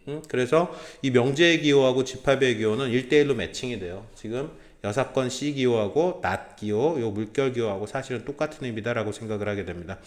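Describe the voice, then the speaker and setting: A man lecturing a small class as a math tutor, checking in with students through constant tag questions and throwing in blunt slangy asides. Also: mid-range voice.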